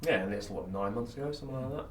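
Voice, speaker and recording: A man, co-hosting a podcast and telling animated, swear-filled stories in casual chat. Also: medium pitch, very fast, a little hiss or hum. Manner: animated storyteller, swears freely. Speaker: podcast co-host. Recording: roomy echo, mic at a distance, faint ambience.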